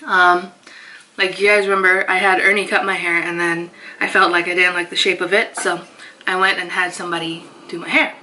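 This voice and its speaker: Young woman, vlogger, casual chat, animated, laughs a lot, bright tone. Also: fairly low pitch, fairly quick, poor audio. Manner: chatty and animated, laughs often.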